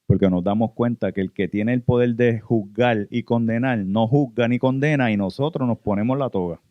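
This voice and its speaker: A man's voice: medium pitch, normal speed, no room sound, muffled recording. A man with a Puerto Rican accent preaching an earnest sermon testimony, often addressing listeners as brothers. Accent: Puerto Rican Spanish. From Puerto Rico.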